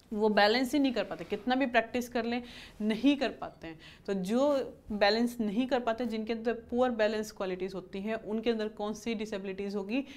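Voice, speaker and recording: A woman's voice: fairly high pitch, darkish tone. Woman teacher drilling exam terms. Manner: repeats questions and answers to drill terms; mixes English terms into Hindi explanations. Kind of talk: exam-prep lesson.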